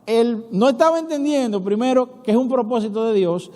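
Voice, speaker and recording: A Dominican pastor with a high voice preaches in an animated, conversational way and keeps asking the congregation questions. His words ring out with a long reverb inside the church sanctuary. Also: moderate pace. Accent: Dominican Spanish. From Dominican Republic. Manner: animated storytelling, acting out dialogue between biblical figures. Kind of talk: sermon.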